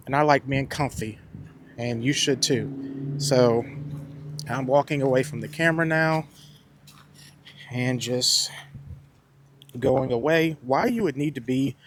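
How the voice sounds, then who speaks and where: A man chats casually outdoors into a wireless lapel mic, his voice passing through noise reduction processing that thins it and tugs at the wind and traffic around him. He rambles in a friendly way and second-guesses his own words. His voice sits at an ordinary middle pitch. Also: a bit bright. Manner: chatty and self-correcting, often second-guessing his own terms. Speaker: wedding videographer reviewing a wireless mic. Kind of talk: casual product review vlog. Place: outdoors near a road, with wind.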